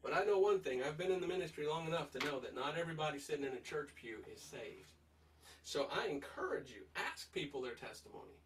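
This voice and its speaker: A man's voice: fairly high pitch, very animated, fast, far from the mic, slight background noise, rough recording. A man teaching a verse-by-verse Bible study in an emphatic, urging way, putting direct questions to his listeners.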